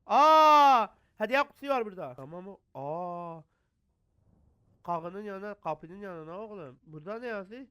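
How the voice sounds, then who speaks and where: A man's voice: sits high, expressive, a little slow, sharp tone, clean tone, no room sound, clean studio sound. A young man, commentating a horror game, jumpy, cursing and muttering prayers when scared. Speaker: gaming YouTuber.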